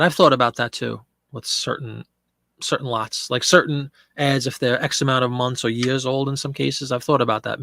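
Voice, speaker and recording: This live-stream eBay seller, a middle-aged Pennsylvanian, sounds congested from a head cold as he casually lists items and responds to viewers. His mid-range voice has vocal fry and a sharp tone, captured in a dry, clean studio recording.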